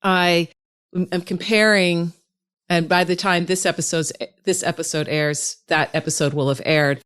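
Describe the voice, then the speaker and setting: A woman podcast host with a smooth, clear voice that sits a little low. She talks in a chatty, reflective way and warmly affirms her guest as the conversation goes on. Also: steady tone, measured pace. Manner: chatty and reflective, with frequent affirming murmurs and laughs.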